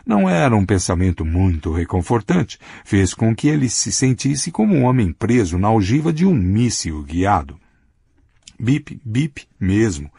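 A man narrating an audiobook in an expressive storytelling manner. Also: lowish voice, moderate pace, vocal fry, few pauses, breathy edge, no room sound, studio quality.

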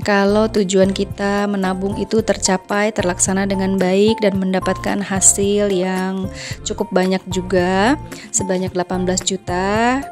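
A woman's voice: mid-range voice, a little mellow. A woman narrating a home vlog in a casual voice-over, chatting to viewers as friends with frequent fillers. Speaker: vlogger.

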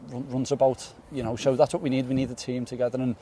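A young man in his twenties, a footballer giving a post-match interview outdoors on a floodlit pitch at night, earnest and repeating words as he thinks. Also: little pitch movement, fast, mellow, slight background noise. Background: faint outdoor stadium ambience.

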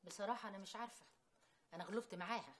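An actress playing a sharp-tongued middle-aged mother in a TV drama, with an Egyptian Arabic accent, scolding and quoting proverbs. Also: medium pitch, very fast, natural voice. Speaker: mother-in-law in a family drama. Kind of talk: TV drama acting.

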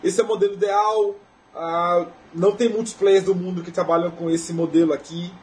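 Brazilian male tech lecturer, high pitch, chatty explainer style. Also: steady tone, normal speed, darkish tone, poor audio. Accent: Brazilian Portuguese. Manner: conversational, often tags "né?" and restarts phrases. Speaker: technical lecturer. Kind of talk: technical lecture. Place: conference lecture hall.

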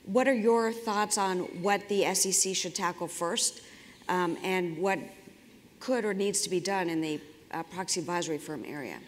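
A woman hosting an interview on a conference stage, asking questions in a measured, polite way. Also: on the low side. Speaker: host interviewer. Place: conference stage, large hall. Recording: reverberant hall sound.

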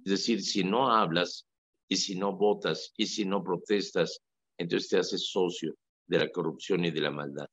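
Un sacerdote católico con acento mexicano que conversa en la radio, con un tono animado y enfático, como quien cuenta anécdotas. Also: male voice, deep voice, a little slow, no room sound. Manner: animated, emphatic, storytelling. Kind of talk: casual radio talk. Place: radio studio. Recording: dry lo-fi radio audio.

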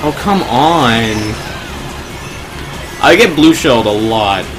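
A man's voice: medium pitch, expressive, takes it slowly. A young man streaming a racing game, chatting casually and rambling through jokes with a friend. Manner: joking, rambling banter. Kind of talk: casual gameplay chat. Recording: game music behind.

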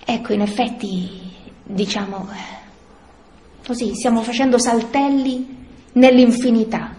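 A woman with a fairly high voice gives an earnest spiritual teaching to a prayer group. She explains patiently, pausing on fillers and restarting her phrases. Her voice rings in an echoey room. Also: steady tone, mellow, a little hiss or hum. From Italy. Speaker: speaker leading a prayer group.

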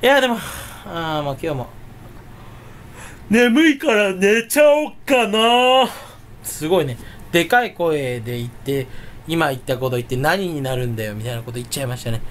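Rambling, animated young Japanese man. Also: medium pitch, quick pace. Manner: rambling and self-mocking, jumping between topics. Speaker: YouTuber. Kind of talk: casual solo chat.

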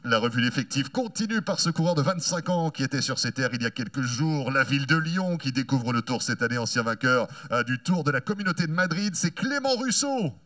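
A man presenting riders on a race podium, stretching out and shouting each name. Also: medium pitch, animated, brisk, hardly any pauses, recorded from a distance. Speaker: podium announcer.

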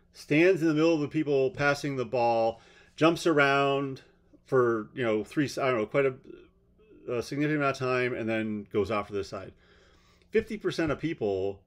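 A man talks through a trial in an unscripted commentary, his voice sitting at an ordinary middle pitch. He is blunt and openly sarcastic, breaking off into exasperated asides. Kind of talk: rambling commentary monologue.

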